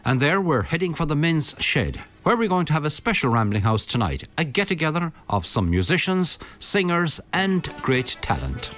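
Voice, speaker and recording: Animated Irish male radio host. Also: a little high, brisk, hardly any pauses, faint music behind. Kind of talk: programme introduction.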